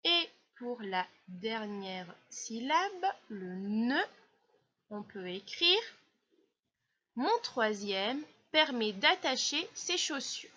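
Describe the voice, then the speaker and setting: A woman from France teaches a class in a slow, patient voice, walking through each step. Her voice is bright and a little high. The recording sounds slightly dull and lo-fi. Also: sing-song. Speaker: primary school teacher. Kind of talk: classroom explanation.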